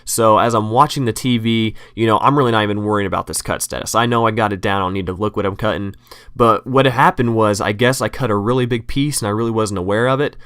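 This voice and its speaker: A man's voice: lowish voice, quick pace, a bit bright, smooth, dry recording, clean studio sound. A young man vlogging, telling a story in casual, profane commentary and acting out his own panic.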